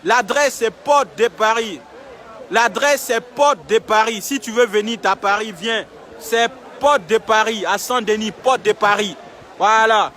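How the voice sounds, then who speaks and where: Holding his phone while filming at an outdoor city street camp, a young livestreamer urges viewers emphatically, repeating himself. His high voice has a sharp tone, and he talks a little slowly.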